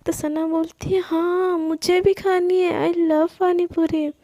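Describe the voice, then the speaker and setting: High gravelly-voiced young woman storyteller. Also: flat delivery, slow pace, warm tone, no room sound. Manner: narrates in a chatty way, voicing both girls' lines. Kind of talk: casual storytelling narration with acted dialogue.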